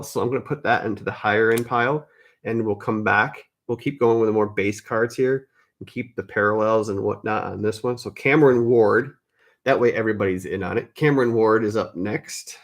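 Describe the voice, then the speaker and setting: A man's voice: mid-range voice, breathy edge. A man hosting a live card break, chatting casually, calling viewers by name and fixing his own mix-ups.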